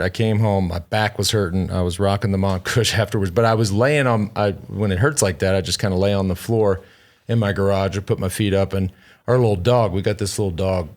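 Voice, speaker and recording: Low-voiced man telling a wild story. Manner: animated, profane, rambling with many restarts. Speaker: podcast co-host. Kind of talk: casual storytelling chat.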